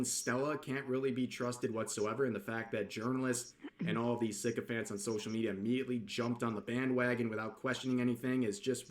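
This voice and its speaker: Dismissive man doing online commentary. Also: mid-range voice. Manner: critical, dismissive. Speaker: commentary video creator.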